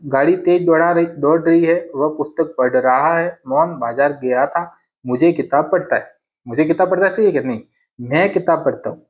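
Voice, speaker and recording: A man runs through grammar questions for an exam class. He has a slightly high voice and talks in a casual, repetitive way, asking a question and then answering it himself. The sound is dull and lo-fi. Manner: repeats sentences aloud, asks and answers his own questions. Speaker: exam prep teacher.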